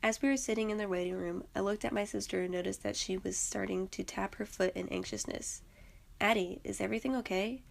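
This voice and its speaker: Brief: young woman narrator, earnest read-aloud, creaky. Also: mid-range voice, fairly even intonation, brisk, hardly any pauses, slight background noise. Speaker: student narrator. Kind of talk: personal story read aloud.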